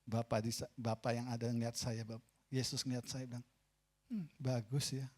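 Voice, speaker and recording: A man with an Indonesian accent preaching a sermon as pastor in a church, swinging between loud, mocking asides and quiet, confessional lines. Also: medium pitch, flat delivery, a little fast. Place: church sanctuary. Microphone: pulpit microphone.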